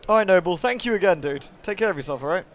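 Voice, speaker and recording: Speaking fast in a high-pitched, animated voice, a man streams live while reading a visual novel aloud. He alternates the narration with polite, thankful exchanges with his viewers.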